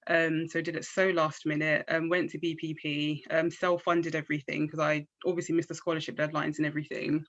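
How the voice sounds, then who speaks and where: A woman's voice: low voice, little pitch movement, a little fast, few pauses, lo-fi sound. A young woman, a pupil barrister speaking as a guest on an online panel, chatty with frequent ums and a self-deprecating tone. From South East London. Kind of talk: casual talk on an online panel.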